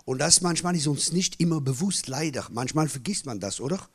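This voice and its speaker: Husky-voiced preacher with emphatic repetitions. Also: male voice, expressive, brisk. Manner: emphatic preaching, swings between loud bursts and low, hushed asides; repeats key phrases for emphasis. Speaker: pastor. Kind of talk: sermon.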